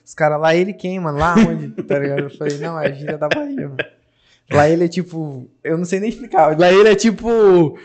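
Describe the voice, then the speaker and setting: A young man with a Carioca accent, chatting as a podcast guest in a slangy, animated, streetwise way. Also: on the high side, fast talker. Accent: Carioca Brazilian Portuguese. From Rio de Janeiro, Brazil. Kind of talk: casual podcast chat.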